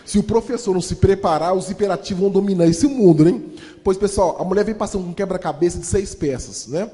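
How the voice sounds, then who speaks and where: Brief: high-pitched man, animated comic storyteller in a reverberant hall. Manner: animated, fast-talking. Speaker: motivational storyteller. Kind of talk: humorous storytelling talk.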